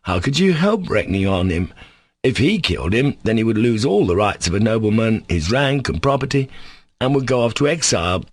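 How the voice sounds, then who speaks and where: A sickly male servant, resentful and insolently defiant, as a male audiobook reader puts him on. He speaks coolly, with a sarcastic edge, in a husky voice that sits a little low. The reading is dry and close. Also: big pitch swings, brisk, no echo.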